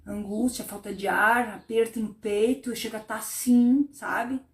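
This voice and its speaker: A woman therapist hosts a relaxed, unhurried spiritual talk on a live stream. Her high voice moves in lively swings, dropping to a low murmur when she voices her own inner thoughts. The room adds a noticeable echo.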